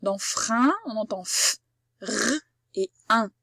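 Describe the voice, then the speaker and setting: A primary school teacher, speaking in a medium-pitched, creaky, bright and forceful female voice, gives a child a patient phonics lesson. She sounds out each word with care, explaining slowly and with clear articulation. The studio recording is clean, with no room sound.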